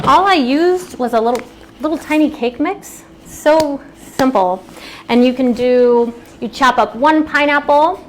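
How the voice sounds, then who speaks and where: A bright, upbeat woman walks viewers through a live cooking demo in a friendly, chatty way, drifting slightly off the mic as she moves around the stove. Her voice sits a little high, with a faint hiss of background noise under it. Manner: chatty, upbeat, eating while talking. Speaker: cooking demonstrator.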